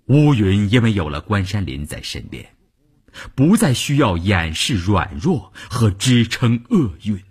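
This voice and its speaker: Very husky male radio storyteller. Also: unhurried. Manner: highly expressive, dropping to whispers and swelling again. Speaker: radio novel reader. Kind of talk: dramatic radio novel reading.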